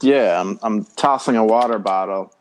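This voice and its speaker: A man co-hosting a casual music podcast, laid-back and joking, sometimes speaking in quick bursts. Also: on the low side, slight background noise. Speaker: podcast co-host. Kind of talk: casual chat.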